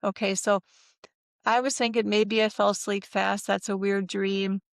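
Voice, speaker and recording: A middle-aged woman recounting a personal experience in a casual interview, animated and acting out what others said, with frequent laughs. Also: mid-range voice, unhurried, vocal fry, no echo, studio quality. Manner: animated, acts out quoted voices, laughs often. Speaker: interview guest.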